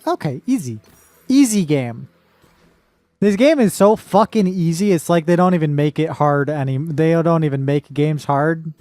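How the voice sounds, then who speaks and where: A woman's voice: sits low, lively intonation, moderate pace, mellow, no echo. A woman streaming a puzzle game, talking playfully through her moves and swearing casually. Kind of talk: casual live gameplay commentary.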